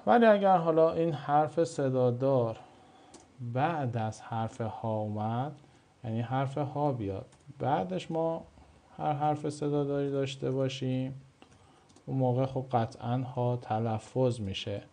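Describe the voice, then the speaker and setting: A man with a mellow, darker voice gives a German pronunciation lesson in Persian. He explains patiently and says each example word twice, with a pitch that sits in the middle for a man. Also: gravelly. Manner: explains slowly, repeats example words. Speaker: German language teacher. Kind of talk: video lesson.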